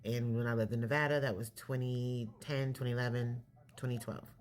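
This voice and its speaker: A woman's voice: rumbling low, steady tone, brisk. Candid woman in her forties, reflective. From California. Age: 40s. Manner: reflective, candid, self-correcting. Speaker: vlogger. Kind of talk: personal storytelling vlog.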